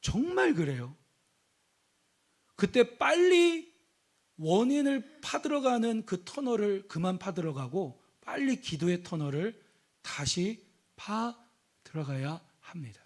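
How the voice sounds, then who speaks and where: Middle-aged male pastor, high-pitched voice, preaching with swings from loud to hushed and questions thrown at the congregation. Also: very animated, measured pace. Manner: preaching with sudden swings between loud exhortation and hushed, intimate speech; asks the congregation questions and calls out hallelujah. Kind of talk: sermon.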